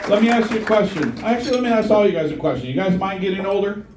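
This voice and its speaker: A middle-aged man with a high-sitting voice rattles through a crude, punchy stand-up set at a comedy bar, his intonation lively and his pace very fast as he banters with the live crowd. It's captured from a distance with roomy club acoustics, and heavy background noise includes the audience laughing.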